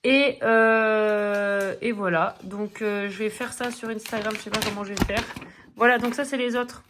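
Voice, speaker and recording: A woman's voice: mid-range voice, steady tone, measured pace, background noise. A middle-aged woman chatting casually in a coloring vlog, rambling with many fillers and restarts. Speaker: coloring vlogger. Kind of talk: casual chat.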